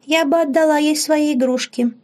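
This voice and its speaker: A woman's voice: high-pitched, fairly even intonation, normal speed, darkish tone, voice pushed up, lightly acted. A woman voicing a giggly little girl spirit trapped inside an old witch, in a thin, childish voice. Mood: playful, giggly. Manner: giggly, pleading.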